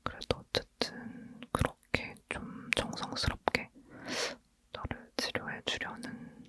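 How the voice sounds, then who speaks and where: Someone leaning in to whisper an intimate, hushed ASMR chat, speaking informally as if to a friend. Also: takes it slowly. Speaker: ASMR host.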